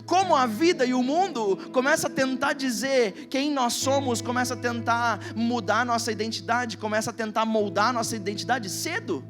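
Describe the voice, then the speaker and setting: A middle-aged man with a Brazilian Portuguese accent preaching a sermon, telling a personal story and reading Scripture slowly and with emphasis. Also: extremely high pitch, music in the background. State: emotional. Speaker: pastor. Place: church stage.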